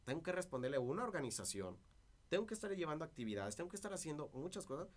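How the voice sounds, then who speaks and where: A man's voice: a little high, big pitch swings, rapid-fire. Dry-voiced man. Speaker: interview guest, party politician. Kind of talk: casual interview conversation.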